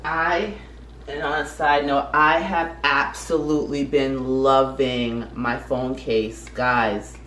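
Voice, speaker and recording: Her voice is extremely low yet a bit bright, with fairly even intonation and a slow pace. The young vlogger chats and rambles around her apartment kitchen and living room, correcting herself along the way; a camera mic a few feet off captures echo and faint room noise.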